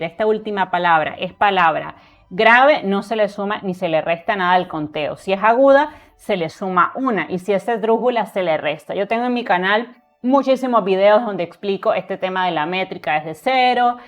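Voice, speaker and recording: Teacher woman explaining poetry, soft music. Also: mid-range voice. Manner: explanatory, checks in with frequent rhetorical tags; counts syllables aloud slowly. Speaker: literature teacher. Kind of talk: online lesson on poetry.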